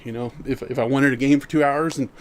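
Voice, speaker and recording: A man's voice: medium pitch, fairly even intonation, quick pace. Easygoing man streaming, walking in place. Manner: reads chat messages aloud and answers them easygoingly; walking in place while talking. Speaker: live streamer. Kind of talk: casual live-stream chat.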